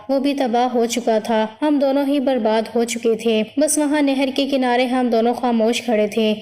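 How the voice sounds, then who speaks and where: Woman, storyteller, scripted first-person narration, solemn, mellow tone, long reverb. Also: on the high side.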